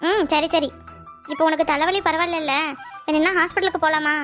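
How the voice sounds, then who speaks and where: A woman voicing a sharp-tongued young village wife in a cartoon, scolding her husband with sarcastic retorts. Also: very high voice, steady tone, a little fast, faint music behind. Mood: teasing. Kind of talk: cartoon voice acting.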